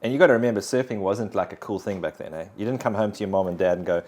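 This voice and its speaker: A man's voice: on the low side, racing, a little mellow. A man, sharing his personal faith story in an interview in an earnest, reflective way. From South Africa. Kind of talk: conversational personal testimony.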